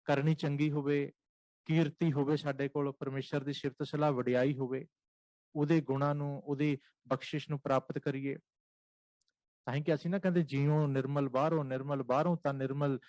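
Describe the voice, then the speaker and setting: A man with a Punjabi accent preaching a Sikh sermon, chanting scripture lines slowly and repeating short phrases for emphasis. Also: mid-range voice, darkish tone, dry recording, low-quality recording.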